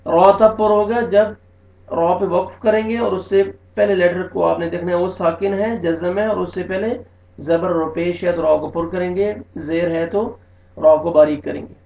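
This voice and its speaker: A man teaching tajweed, slowly drawing out recited words and then explaining the pronunciation rules more plainly. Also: high voice, fairly even intonation, gravelly, darkish tone. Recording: echoey, distant, dull recording.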